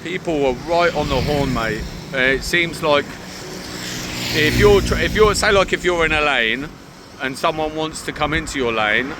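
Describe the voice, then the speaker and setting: Chatty British guy vlogging over loud street noise. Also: a little high. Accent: British English. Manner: chatty, thinking aloud, keeps saying "mate". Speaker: travel vlogger. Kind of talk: casual vlog talk to camera.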